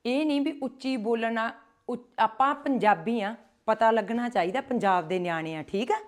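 A woman teaching a children's Punjabi class, calling out words slowly and loudly for the children to repeat. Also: fairly high pitch. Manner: slow, loud, drawn-out syllables for children to repeat. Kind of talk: call-and-response class teaching. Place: gurdwara classroom.

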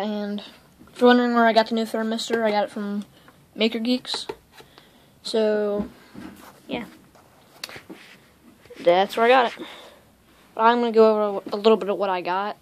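Rambling hobbyist woman, noisy phone clip. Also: mid-range voice. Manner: rambling, quick, self-interrupting. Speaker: electronics hobbyist vlogger. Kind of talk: casual unscripted shop tour. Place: cluttered home electronics workshop, indoors. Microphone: handheld phone camera.

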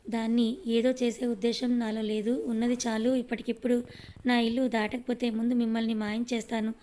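A woman reading an enraged young husband from an audio story. He barks threats and orders in a loud, harsh voice. The tone is dark and stays flat in pitch. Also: a little fast, natural voice. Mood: angry. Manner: shouting, commanding.

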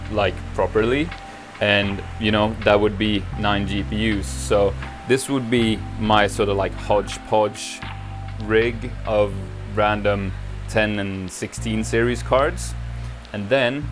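A young man in his twenties casually talking through his home workshop setup, rambling with lots of filler words. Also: fairly low pitch. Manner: relaxed, rambling, frequent "like" fillers. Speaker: YouTuber giving a mining farm tour. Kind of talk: casual vlog walkthrough. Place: cluttered home workshop, indoors. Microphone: camera held at arm's length.

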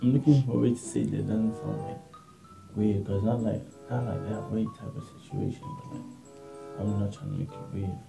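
A man's voice: on the low side, steady tone, moderate pace, gravelly, music in the background, low-quality recording. A young man hosting a casual prank vlog at home, talking in slang and often dropping to a whisper for the camera. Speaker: vlogger and prankster. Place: indoors at home.

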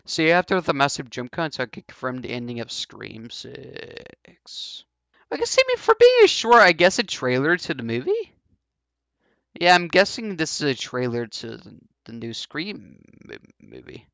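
A man's voice: a little high, wildly swooping pitch, moderate pace, gravelly, fairly bright tone, no echo. A young adult man giving casual, offhand let's play commentary into a headset mic. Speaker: gaming YouTuber. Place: indoors, seated at a gaming setup. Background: faint game music.

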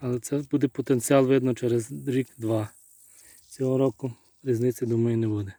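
Man, Ukrainian accent, mid pitch, halting casual plant review, outdoors, dry sound, crickets chirping. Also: little pitch movement, mellow, no echo. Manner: unhurried, halting, thinking aloud. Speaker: hazelnut nursery grower. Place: outdoors in a garden.

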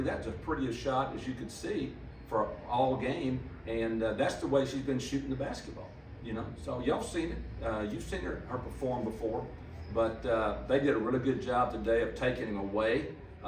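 An older man with a lowish voice, he's the head coach answering press questions after a game, seated at a table mic on a stand. He talks plainly and emphatically, repeating for stress. The camera is some distance off, and the roomy, slightly distant pickup has slight background noise.

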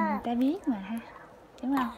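A woman, a mother chatting to her baby at home in slow, high sing-song baby talk with frequent laughter. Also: expressive, noisy background.

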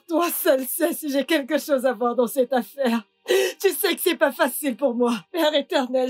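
A desperate woman accused of a kidnapping in a dubbed film. She pleads and prays in a high voice. Faint music sits underneath. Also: darkish tone. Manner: pleading and praying. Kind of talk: French film dub.

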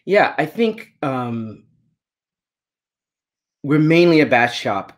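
A man in his forties answering questions as a guest on a video call, talking with animated gestures from a small room at home. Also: fairly high pitch, slow pace. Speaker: guest speaker, data engineer. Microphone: laptop webcam on video call.

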